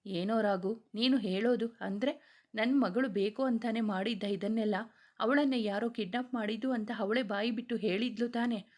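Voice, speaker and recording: A woman's voice: fairly high pitch, normal speed, a little mellow, lightly acted. A woman reading the lines of a bitter, spiteful middle-aged aunt in a storybook tale. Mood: accusing.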